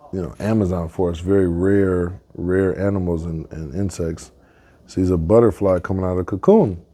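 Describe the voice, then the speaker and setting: A man with a low, mellow voice tells fables and life lessons in relaxed slang. He moves from playful to reflective, pausing to draw out the moral. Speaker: guest entrepreneur. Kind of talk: casual storytelling.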